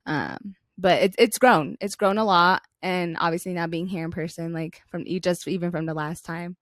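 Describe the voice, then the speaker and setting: Young american woman podcast host, kinda low voice, thinking out loud, pretty dry sound. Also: fairly even intonation, moderate pace, no echo. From Flagstaff, Arizona, United States. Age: young adult. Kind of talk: casual reflective chat.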